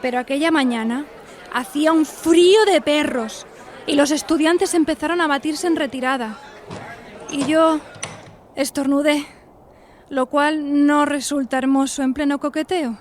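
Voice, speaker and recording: A little slow, with a faint crowd behind her, the high-voiced young single lady of the 1890s confides coquettishly and melodramatically. She's the romantic, self-dramatising narrator and lead of a radio play, performing a theatrical first-person monologue.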